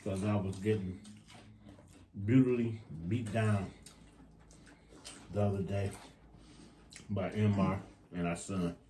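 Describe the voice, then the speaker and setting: A middle-aged man co-hosting a vlog, chatting casually in short, halting phrases and repeating points for emphasis. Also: low-pitched, little pitch movement, dark tone. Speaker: vlog co-host. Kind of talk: casual chat at a meal. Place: indoor room at a table. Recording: echoey room, faint background noise.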